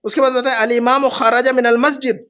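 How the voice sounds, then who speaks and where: A man with a very high voice teaches an Arabic class. He talks patiently and repeats each phrase slowly before he explains it. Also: little pitch movement, fairly bright tone. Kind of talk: classroom lesson.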